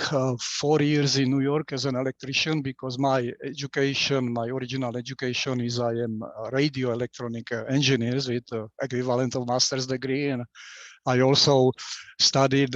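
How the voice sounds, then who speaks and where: A man's voice: mid-range voice, dry recording. A man in his sixties from Slovakia, a native Slovak speaker with a Slovak accent, talking casually as an interview guest and hesitating often with fillers and restarts. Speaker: guest, author. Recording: dull lo-fi dry sound.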